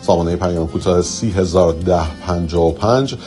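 Radio announcer, man, very deep voice, formal and courteous. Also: dark tone, faint music behind. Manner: smooth, courteous.

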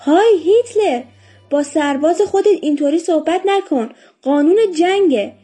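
Woman voicing a young male joker soldier, teasing, high raised voice, storybook. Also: lively intonation, dark tone, faint music behind. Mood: mocking. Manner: mocking and playful.

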